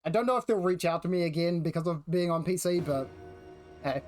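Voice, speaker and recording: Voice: medium pitch, a little fast, a little mellow. Broad kiwi accent streamer, kinda androgynous voice, rambly slangy gaming chat, bit of music behind. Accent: New Zealand. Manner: slangy, rambling, self-interrupting. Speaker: game livestreamer. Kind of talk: casual chat while gaming.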